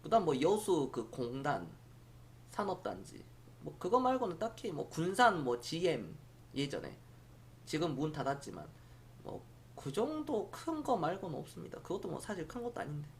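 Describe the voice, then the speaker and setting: Middle-aged male live streamer, rambling and chatty, lively up-and-down pitch, talks to viewers. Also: normal speed, a little hiss or hum. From Jeolla province, South Korea. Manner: rambling, chatty, answers viewer comments aloud. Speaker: stock-market live streamer.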